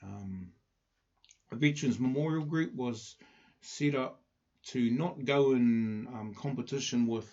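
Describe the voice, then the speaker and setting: Halting man with a Māori New Zealand accent. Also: medium pitch, a little mellow. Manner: halting, with many pauses. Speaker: livestream host presenting a community project. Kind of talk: casual live chat. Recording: dull lo-fi livestream audio.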